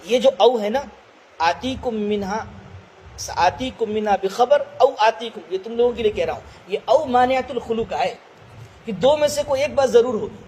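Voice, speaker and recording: A high-pitched man from Bihar leads a Quran commentary lesson in a mosque teaching circle. He recites verses slowly before explaining them plainly and keeps asking his listeners questions. Faint background noise sits under his voice. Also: expressive, darkish tone, poor audio. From Bihar, India.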